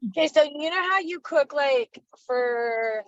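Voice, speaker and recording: A woman's voice: sits high, expressive, unhurried, no echo, lo-fi sound. A woman asking a question on a video call, hesitant and casual with many fillers. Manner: hesitant, lots of "like".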